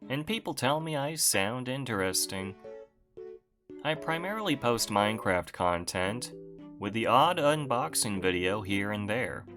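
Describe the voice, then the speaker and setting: A man's voice: medium pitch, sharp tone. A young man giving a casual channel update to his viewers, wry and self-deprecating, with dry understatement.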